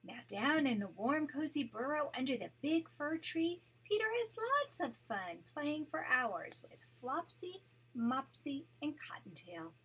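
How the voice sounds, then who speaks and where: In a low-quality recording, a high-pitched grandmother animatedly reads a kids' story to her grandchild, breaking off to point out pictures.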